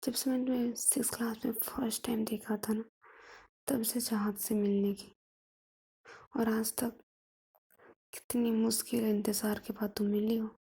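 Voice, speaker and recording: A woman voicing a young female student in love, speaking in a soft, coaxing whisper as whispered role-play. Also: a little high, little pitch movement, normal speed, vocal fry, pauses often, breathy edge, exaggerated voice. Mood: tender. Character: young woman student, tender pleading lover.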